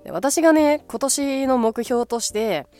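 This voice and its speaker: A woman's voice: high-pitched, lively intonation, unhurried, a little mellow, soft background music. A woman hosting a casual solo radio talk show with a stuffy, nasal voice, chatty and full of fillers and upbeat asides.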